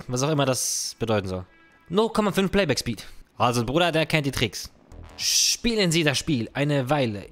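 A man's voice: mid-range voice, fairly bright tone. A young man, reacting casually to comments on his own video, dropping slang and English phrases. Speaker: content creator.

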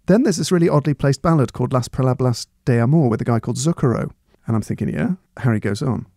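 Creaky-voiced man, teasing co-host. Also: medium pitch, fast, warm tone, no room sound, clean studio sound. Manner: wry, teasing, tangled self-corrections. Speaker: radio comedy podcast co-host. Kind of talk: casual comedic chat, reading listener emails.

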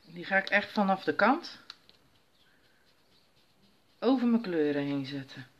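At home while her children sleep, a woman gives a casual stamping tutorial, chatting herself through each step as she works. Her voice is on the low side, animated, unhurried and a bit bright, with lo-fi sound and slight background noise.

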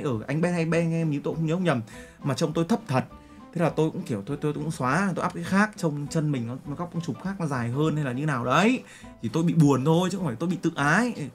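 A young male streamer talks straight to his chat in a brash, joking way, full of crude slang. His voice sits high and the words come out fast. Faint music plays underneath. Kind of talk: casual livestream chat, reacting to photos and clips.

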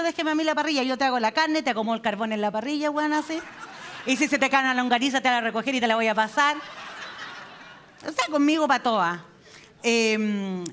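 A Chilean woman on stage doing stand-up, her voice high and ringing. She fires off crude, slangy jokes and keeps pulling the audience into the banter. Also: sharp tone, slight background noise. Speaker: stand-up comedian. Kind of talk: live stand-up set.

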